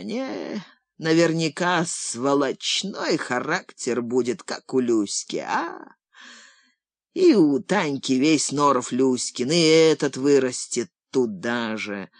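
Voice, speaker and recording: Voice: medium pitch, big pitch swings, takes it slowly, no echo. Narrator voicing an old grumbling grandfather. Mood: gloomy. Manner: fond, gruff folksy talk. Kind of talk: audiobook character reading.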